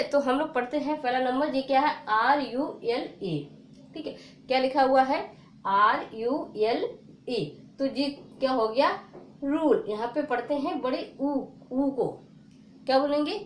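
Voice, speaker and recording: A woman teaching a phonics lesson to children, patient and repetitive, asking questions and answering them herself. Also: high voice. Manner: patient, repeats words and asks questions. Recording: echoey room with faint noise.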